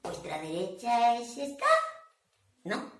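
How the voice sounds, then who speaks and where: A high-voiced woman tells a story to a room of children, swinging her pitch widely as she plays to the crowd. She talks at an unhurried pace, teasing and quizzing the listeners. Her voice comes some distance off and rings around a very echoey room. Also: lively intonation. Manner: playful, theatrical, asks the audience questions and laughs often. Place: public library room.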